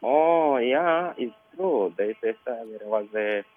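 A man's voice: medium pitch, lively intonation, slow. Man heard over a tinny phone line. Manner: short, hesitant answers. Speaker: person called by a radio show.

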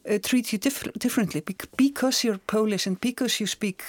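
A woman's voice: on the high side, a little fast, no room sound. A woman, an author and journalist, speaking thoughtfully in an interview and often repeating words as she searches for them. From Iceland. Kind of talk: conversational interview.

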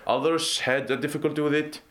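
Speaking a little fast in a somewhat high, slightly bright voice with a steady tone, a native Arabic speaker from Iraq in his twenties shares his story sincerely in a casual interview. Set in the reception area of a pool, his talk is full of restarts and repeated "exactly."

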